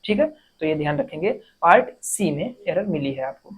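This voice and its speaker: A woman teaching an exam-prep grammar lesson, explaining step by step, asking questions and answering them herself, and reading example sentences slowly. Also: sits low, lively intonation, slightly rough. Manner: reads English sentences slowly, word by word.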